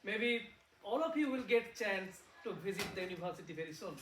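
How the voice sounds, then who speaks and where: In an echoey classroom with a far-off microphone, an Indian-accented physics researcher speaks warmly to kids, keeping his words simple, quizzing them and repeating words to stress points. His voice sits high, brisk and fairly bright, with lively intonation.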